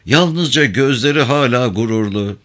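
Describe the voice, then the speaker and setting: A man playing a loyal young woman in a spoken story, her voice pitched up from his own and thick with tears. It sounds bright and crisp and moves a lot in pitch. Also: lively intonation, moderate pace, natural voice. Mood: grieving. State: choked with tears.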